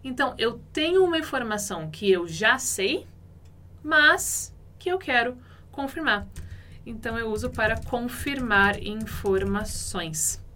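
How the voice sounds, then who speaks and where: A woman with a Brazilian Portuguese accent teaches English in a didactic, explanatory way. Her voice is bright and a little high, and she slows down to model each English phrase before explaining it. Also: animated, slight background noise.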